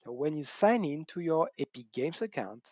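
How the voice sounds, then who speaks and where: A French-accented, middle-aged gaming channel host talks casually to camera, chatty and self-mocking, laughing often and letting out whoops. His voice is a little high, very animated, warm, and moderately paced. The recording is dry, from a dull, cheap mic.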